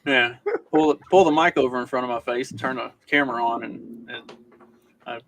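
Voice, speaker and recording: A man's voice: medium pitch, steady tone, brisk, background noise. A man with a strong Southern US accent, co-hosting a podcast in easygoing, casual chat and telling stories. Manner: easygoing storyteller. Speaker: podcast co-host.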